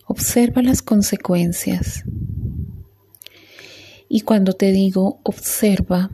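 A woman leading a guided meditation in a soft, calm voice with long pauses. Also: mid-range voice, slightly rough.

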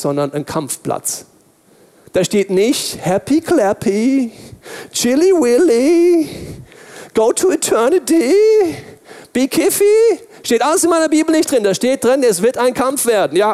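A man preaching a sermon, asking and answering his own questions, swinging between loud bursts and hushed lines. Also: sits high.

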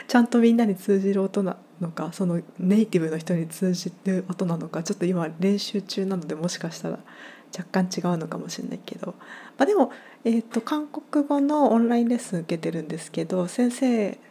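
A woman's voice: lowish voice, mellow. A woman hosting her own podcast, explaining things in a casual, chatty way with lots of fillers and restarts. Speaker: podcast host. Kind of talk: casual solo podcast talk.

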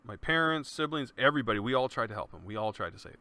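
Laid-back guy talking solo on his podcast, kinda bright tone, dry room, says man a lot. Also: mid-range voice, expressive, fast talker, no room sound. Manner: laid-back, earnest, peppers speech with "man" and swearing. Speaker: podcast host. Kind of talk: casual solo podcast monologue.

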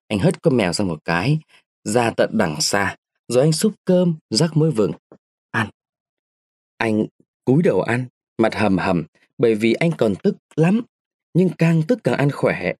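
Expressive man reading a story aloud. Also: medium pitch, dry recording, clean studio sound. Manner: expressive, changes pace with the story. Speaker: narrator.

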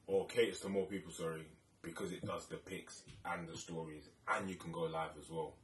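A deep-voiced London man in his late twenties rambles casually through a podcast chat, slangy and loosely sweary. He sounds roomy and set back from the mic, with faint noise. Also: fairly even intonation, a little fast, recorded from a distance. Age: late 20s. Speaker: podcast co-host.

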